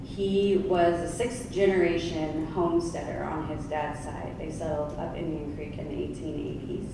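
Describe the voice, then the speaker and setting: A woman's voice: low voice, flat delivery, moderate pace, creaky. A woman in her thirties from Oregon, introducing herself as a panelist at a conference in a candid, conversational way with asides. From Oregon, United States. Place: large conference hall. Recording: echoey hall, from far off, with noise.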